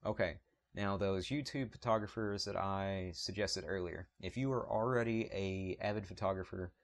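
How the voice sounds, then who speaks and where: A man's voice: deep voice, normal speed. A man with a Southern US accent hosting his photography channel, talking casually to camera in an apologetic, rambling way, recorded on a point-and-shoot camera mic.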